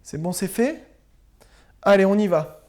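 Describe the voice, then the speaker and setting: A primary school teacher records a lesson for pupils at home, speaking slowly and spelling words out letter by letter. Their medium-pitched voice is mellow and rather dark, with a lively, rising and falling tune as they repeatedly check that everyone is following.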